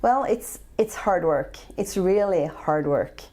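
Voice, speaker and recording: Expressive and mellow, this low-leaning female voice speaks slowly as its owner, a Norwegian chef and entrepreneur in her forties, fields interview questions as a guest. Her English carries a Norwegian accent, and she hesitates often, filling pauses with many sounds.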